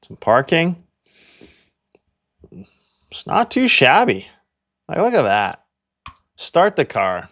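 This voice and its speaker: He talks slowly with long pauses, his slightly high, somewhat bright voice swooping wildly in pitch. This young Canadian real estate agent and video host keeps his walkthrough casual and chatty, peppered with fillers, mostly "like."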